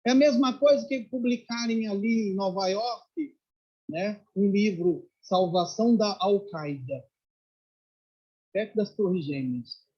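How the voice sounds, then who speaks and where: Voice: mid-range voice, takes it slowly. A speaker, telling religious stories in a sermon and acting out the voices of the people in them. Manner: animated storyteller who acts out quoted voices and often adds "né?". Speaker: religious lecturer. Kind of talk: storytelling sermon. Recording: dull lo-fi recording.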